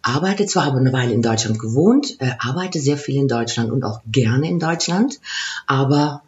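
A woman's voice: very deep voice, expressive, moderate pace, darkish tone. Dutch woman in her 50s, chatty and laughy, talking in an interview, slightly muffled audio. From Netherlands. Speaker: guest. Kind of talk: interview conversation.

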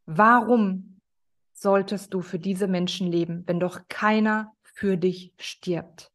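A woman's voice: medium pitch, fairly even intonation, slow pace. A woman hosting a solo podcast, talking emphatically and bluntly, with many rhetorical questions and some swearing. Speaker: podcast host. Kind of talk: impassioned solo podcast monologue.

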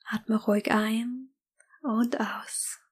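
A woman leads a guided meditation in an unhurried whisper. Her voice sits a little high but stays very flat and even. It is airy and breathy throughout, with long pauses. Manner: soft whisper, slow and calm.

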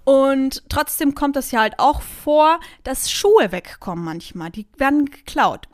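A woman from Germany telling a workplace story in casual chat, lively and full of fillers. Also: high-pitched, measured pace, no echo, clean studio sound. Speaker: podcast co-host telling a story.

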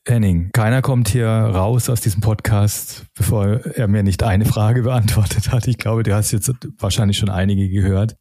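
Deep dark monotone dude from southern germany hosting a podcast, dry close sound. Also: male voice, breathy edge, no room sound. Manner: conversational, agreeable, playful with questions. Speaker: podcast host. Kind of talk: podcast interview.

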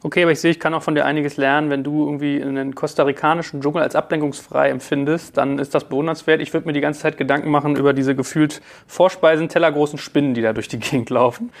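A man's voice: a little high, steady tone, gravelly. A man hosting a podcast in casual conversation, reading out listener questions and telling jokey anecdotes. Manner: brisk, jokey storyteller.

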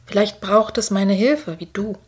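A woman reading a children's Christmas story aloud in a soft, partly whispered storytelling voice. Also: medium pitch, a little slow, breathy edge.

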